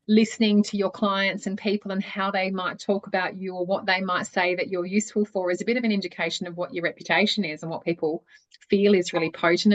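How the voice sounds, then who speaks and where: A woman yoga teacher trainer talking in a group video call, rambling and encouraging with lots of fillers, over a muffled bad connection. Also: medium pitch. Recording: dull lo-fi video call audio.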